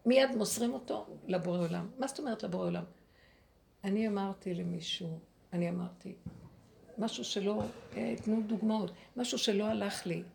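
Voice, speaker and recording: A woman teaches a group a spiritual lesson, animatedly acting out inner dialogue and putting rhetorical questions to her listeners. Her voice is medium-pitched with vocal fry, and there's a little hiss or hum.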